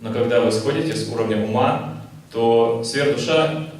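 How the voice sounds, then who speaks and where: A man interpreting a lecture into Russian, working briskly and correcting his phrasing as he goes. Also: mid-range voice, darkish tone. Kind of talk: consecutive translation of a lecture. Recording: echoey hall, from far off.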